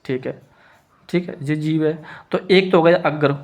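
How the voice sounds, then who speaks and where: Hindi man teaching grammar, higher voice. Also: normal speed. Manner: repetitive, asks and answers own questions. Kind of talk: classroom lesson explanation.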